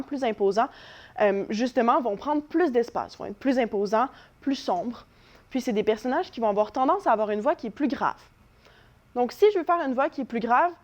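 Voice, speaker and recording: A woman's voice: on the high side, darkish tone. A young woman teaching a children's voice lesson, encouraging and demonstrating vocal exercises. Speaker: drama teacher. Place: living room at home.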